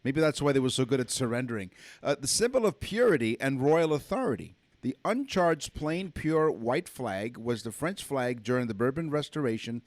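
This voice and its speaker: A man's voice: mid-range voice, no room sound. A man co-hosting a comedic trivia podcast, reading facts and trading puns in playful banter. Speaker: podcast co-host.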